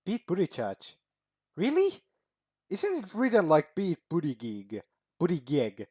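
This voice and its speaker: A man's voice: high-pitched, huge pitch swings, a little slow, a little mellow, slightly rough, no room sound, clean studio sound. A man hosting a reaction video, speaking casually, swearing often and chuckling at his own remarks.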